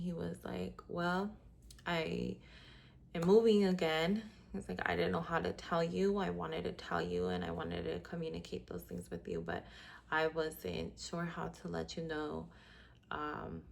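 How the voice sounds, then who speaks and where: A young woman with a slightly low voice and a heavy vocal fry tells a personal story straight to her viewers. She talks casually, leans on "like" constantly and slips a Spanish word in now and then. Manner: chatty, frequent "like" fillers, slips into Spanish words. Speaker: vlogger.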